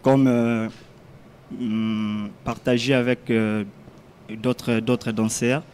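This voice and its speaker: Slow, halting man. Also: mid-range voice, little pitch movement, a little mellow. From DR Congo. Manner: halting, many fillers. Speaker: dancer and choreographer. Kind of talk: casual interview. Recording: faint background noise.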